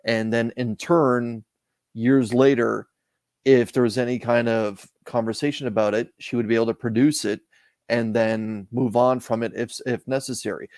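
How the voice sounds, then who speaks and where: A Canadian man talks casually as a live-stream guest, circling back and restarting his sentences as he goes. His voice sits at a middling pitch. The sound is dry and close, with no room echo. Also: fairly even intonation, moderate pace, darkish tone. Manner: rambling, repeats and restarts words.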